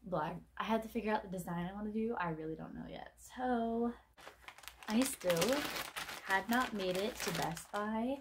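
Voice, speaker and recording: A woman's voice: medium pitch, moderate pace, background noise. A young woman in her twenties chatting casually to the camera in a late-night vlog, rambling with many fillers and self-mocking asides. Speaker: vlogger.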